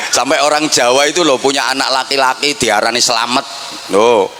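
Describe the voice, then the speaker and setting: A man's voice: medium pitch, steady tone, a little fast, noisy background. A man with a Javanese accent preaching a humorous sermon and playfully acting out greetings in mock voices. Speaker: Islamic preacher.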